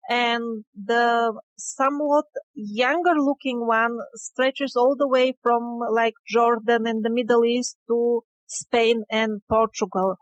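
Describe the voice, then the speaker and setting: A woman with a slightly high voice, heard in lo-fi sound, is an independent researcher guesting on an interview. She explains her field findings conversationally, emphatic yet hesitant.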